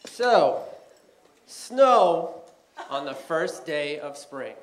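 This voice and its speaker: A man's voice: fairly high pitch, sing-song, very slow. A man in his thirties doing a chatty, rambling stand-up set in a comedy club, full of "you know" and "like". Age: 30s. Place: comedy club stage with live audience. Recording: roomy club with crowd noise.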